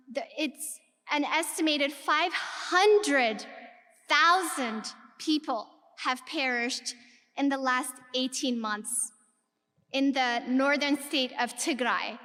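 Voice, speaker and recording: An Ethiopian woman delivers an earnest keynote to a live audience, putting rhetorical questions to them. Her high-pitched voice sounds pushed and bright, and the large hall adds a long reverb.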